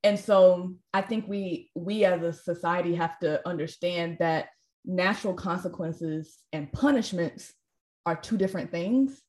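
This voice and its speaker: Woman host and teacher coach, low-pitched voice, conversational and reflective. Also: unhurried, a little mellow. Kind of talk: casual conversation.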